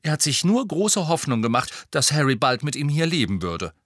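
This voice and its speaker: A man's voice: a little high, very animated, normal speed, a bit bright, no room sound, clean studio sound, pitched above the performer's own voice. A man reading an audiobook, voicing a precocious teenage girl who talks in a stern, know-it-all way. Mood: lecturing.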